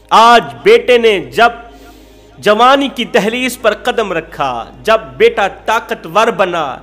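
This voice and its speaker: A male preacher with a high voice tells a moral story in an impassioned sermon. He circles back on his phrases to drive them home. Soft music plays faintly beneath him. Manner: impassioned, repeats phrases for emphasis.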